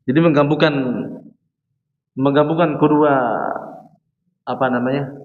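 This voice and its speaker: A man's voice: a little high, fairly even intonation. A man teaching Quran recitation at a mosque study session. He explains step by step, asks questions and answers them himself, and demonstrates each sound. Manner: chants sample verses slowly. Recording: roomy, echoey, dull lo-fi mosque recording.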